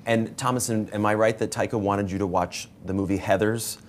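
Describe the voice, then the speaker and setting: A man interviewing film actors at a press event, friendly and quick to laugh. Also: fairly low pitch, fairly even intonation, a little hiss or hum.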